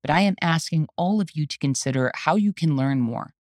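An activist and journalist hosting the show, reading a scripted spoken essay in an earnest, urgent, deliberate way. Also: medium pitch, dry recording, clean studio sound.

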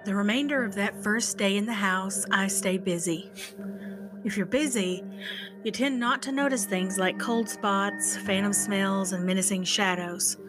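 A woman's voice: mid-range voice, measured pace. Woman telling spooky stories over music. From eastern Kentucky, United States. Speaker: podcast host. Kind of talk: scripted first-person horror storytelling. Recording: music behind the voice. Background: background music.

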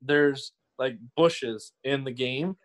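A young man chatting casually as a podcast guest, rambling and halting, often repeating himself. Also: mid-range voice. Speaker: guest streamer.

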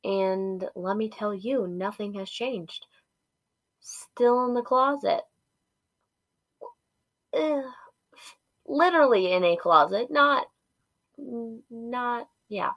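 A woman's voice: fairly high pitch, animated, slow, long pauses, no room sound, muffled recording. A woman hosting a casual solo podcast from inside a closet, rambling informally and poking fun at herself. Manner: informal, rambling, self-deprecating, with swearing. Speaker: podcast host. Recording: close, dry closet recording.

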